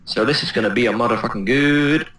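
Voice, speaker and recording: A Welsh man joking excitably as a let's play co-host. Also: medium pitch, quick pace. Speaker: gamer co-host. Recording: roomy echo.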